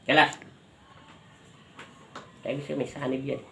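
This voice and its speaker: A Filipino folk healer runs a healing session, repeatedly questioning and giving firm, commanding orders. His voice is medium-pitched, level, measured and creaky. The room is echoey with faint ambient noise.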